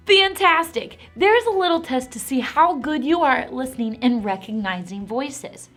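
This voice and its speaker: An animated woman teaches a Bible lesson to preschoolers and cheers them on. Her voice is high and swoops widely. Faint music plays behind her. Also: moderate pace. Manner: animated and encouraging.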